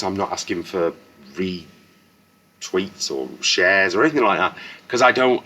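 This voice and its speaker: A man's voice: on the low side, a bit bright. A man in his fifties telling a personal story to camera, frank and earnest, often restarting sentences and swearing. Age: 50s. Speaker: vlogger.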